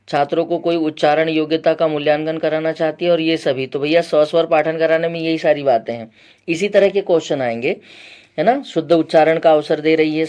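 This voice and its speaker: A male teacher giving an exam-prep lecture, explaining point by point, quizzing his students with repeated questions and often clearing his throat. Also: fairly high pitch, darkish tone.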